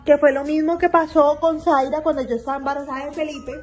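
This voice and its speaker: A woman's voice: sits high, little pitch movement, quick pace, a little mellow, faint music behind, rough recording. A young woman vlogging in character as a pregnant vampire mom, retelling events chattily with lots of fillers and repeats. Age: young adult. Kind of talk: in-character vlog storytelling.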